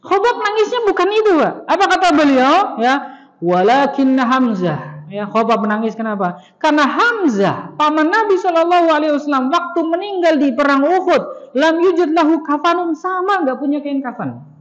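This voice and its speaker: A man's voice: very high voice, sing-song, brisk, a bit bright. A male Islamic teacher giving a conversational study lecture in a mosque, joking and putting rhetorical questions to the audience. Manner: fills phrases with "ya" and "nah". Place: mosque hall. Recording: reverberant mosque hall, dull lo-fi sound.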